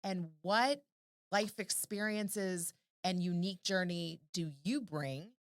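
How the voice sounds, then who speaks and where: A woman's voice: lowish voice, slow pace, no echo, clean studio sound. A woman guesting on a podcast, giving advice by firing off strings of rhetorical questions. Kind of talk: casual podcast chat.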